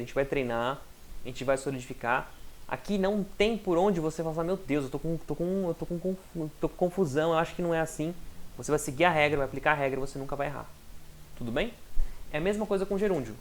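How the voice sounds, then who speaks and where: A man teaching an English lesson in a chatty, encouraging way, sounding out example words slowly and often checking in with his student. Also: a little high. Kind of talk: recorded online lesson.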